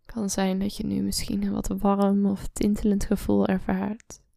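A woman guiding a relaxation meditation, speaking slowly and softly, often in a whisper, close to the mic. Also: medium pitch, completely flat delivery, creaky, no echo. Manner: slow soft-spoken, often whispering. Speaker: meditation guide.

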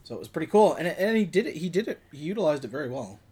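A man talking casually about films as a podcast co-host, often halting as he searches for details. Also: on the high side, very animated, warm tone, breathy edge. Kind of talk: casual film discussion.

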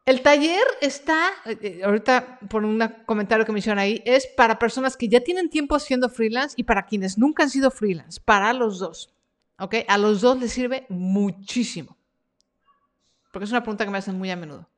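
A woman's voice: a little high, a little fast. A woman hosting a live stream Q&A about her freelance workshop, reading viewer comments aloud in a chatty, encouraging way.

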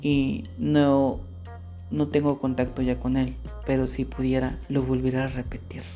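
A man's voice: medium pitch, completely flat delivery, unhurried, mellow, soft background music. A man co-hosting a podcast, reading a listener's story aloud in a frank, chatty and playful way. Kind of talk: casual chat and reading aloud.

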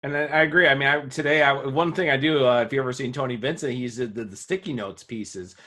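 A man talking quickly and casually on a podcast about his teaching. He rambles through classroom anecdotes, restarting sentences and acting out what students said. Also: pushed and bright. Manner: rambling storyteller, acts out quoted students with a high voice. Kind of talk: casual conversation.

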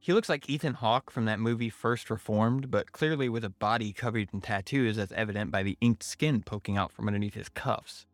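A man's voice: lowish voice, a little fast, few pauses, no echo. A man narrating a scripted first-person horror story in a wry manner.

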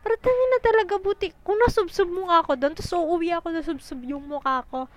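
A young woman with a high voice tells stories in a chatty, animated way. She sounds a little out of breath as she goes. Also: fast, low-quality recording. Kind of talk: casual storytelling.

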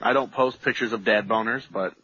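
Husky, enthusiastic man chatting on a podcast. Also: medium pitch, steady tone, a little fast, bright, forceful tone, no echo. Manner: enthusiastic, slangy. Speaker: podcast co-host. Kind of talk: casual chat. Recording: slightly dull, lo-fi sound.

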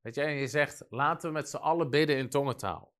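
A man's voice: on the high side, fast talker. A man preaching a sermon in a studio, telling stories and acting out the voices of the people in them. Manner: lively storytelling, acts out quoted voices.

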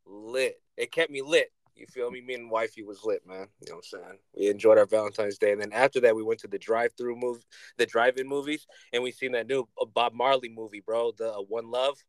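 A man hosting a podcast in casual, slangy stoner talk full of swearing, audibly high on cannabis. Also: fairly even intonation, fairly quick, dry recording, low-quality recording. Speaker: podcast host. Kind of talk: casual chat, slangy storytelling.

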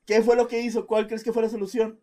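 A young podcast co-host with a Mexican Spanish accent tells a story in a casual chat, talking fast. He's animated, acting out shouting neighbors with big jumps in pitch and laughing often.

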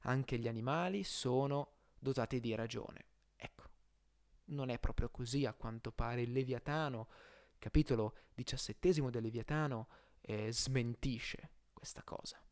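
A man hosting an informal philosophy lesson, explaining aloud in a halting way, often correcting himself and stretching out words as he goes. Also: medium pitch, darkish tone. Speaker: host of a philosophy podcast series.

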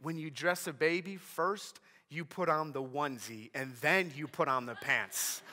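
A man voicing a church mother who calmly and matter-of-factly explains how to dress a baby. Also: low voice, measured pace, long reverb tail, pitched below the performer's own voice, heavily acted. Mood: instructive. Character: matter-of-fact church mother giving advice.

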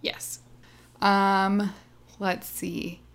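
A woman's voice: medium pitch, little pitch movement, very slow, creaky, clean tone. A woman co-hosting a casual podcast in a playful, teasing way. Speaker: podcast co-host. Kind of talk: casual chat.

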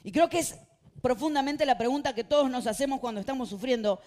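A male pastor with a Rioplatense Spanish accent, preaching a sermon with passion and swinging between quiet talk and loud outbursts. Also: extremely high pitch, fast. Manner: impassioned, swings from quiet to shouting.

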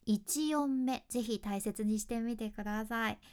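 A young woman with a Hakata dialect from Fukuoka, hosting a podcast and teaching speaking tips in a chatty, teacherly way, slowly spelling out vowel sounds as examples. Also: a little high, darkish tone. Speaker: podcast host and speaking coach. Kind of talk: casual spoken podcast lesson.

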